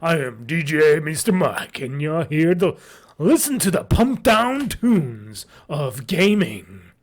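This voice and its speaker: Solo gaming podcast host, male, nasal and high-pitched, rambling and self-deprecating, desk mic at home. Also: big pitch swings, slow. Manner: rambling and jokey, laughs at himself. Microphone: desk mic at home office.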